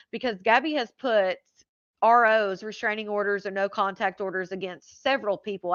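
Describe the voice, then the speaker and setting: A woman hosts a livestream, chatting loosely with her viewers and answering their comments as they arrive. Her mid-range voice has a sharp tone and sounds a little worn after hours on air. The recording is dry and slightly dull, like a home streaming mic.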